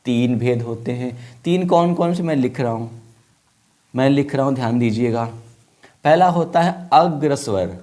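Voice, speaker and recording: A man teaching young children, speaking slowly, repeating each point and asking the class questions. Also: medium pitch, mellow.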